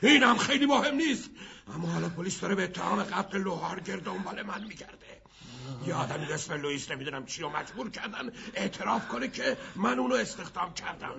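A man's voice: sits high, animated, gravelly, lo-fi sound, a little hiss or hum, exaggerated voice. An actor dubbing a desperate, vengeful gangster who holds a gun on his enemy. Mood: menacing. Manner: menacing, shouting, then pleading and bitter. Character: desperate vengeful gangster holding a gun, middle-aged man. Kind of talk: Persian film dub.

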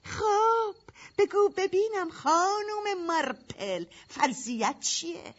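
A high, lively voice of a sharp-tongued sister who scolds and mocks. The track sounds dull and lo-fi. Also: female voice. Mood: scolding. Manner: scolding, sarcastic. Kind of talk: dubbed film acting.

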